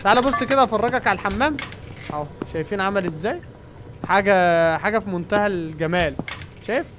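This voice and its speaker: A young man with an Egyptian Arabic accent giving excited running commentary on a game and talking to his viewers. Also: high-pitched, fast, background noise. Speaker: gaming YouTuber. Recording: game music playing behind.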